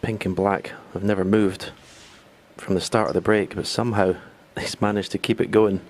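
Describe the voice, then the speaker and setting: A man offers expert snooker commentary in a deep voice with little melody. He keeps it hushed and restrained. There is faint noise and the odd click behind him. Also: little pitch movement, moderate pace. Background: faint noise, ball clicks.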